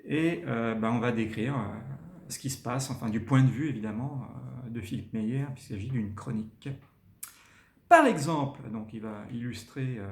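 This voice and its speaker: Male teacher, mid-pitched voice, reads lines with big swoops up and down, pauses to explain, roomy echoey recording. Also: gravelly. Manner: demonstrates readings with big rises and falls in pitch; many fillers and checks with listeners. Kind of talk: explaining text intonation to learners.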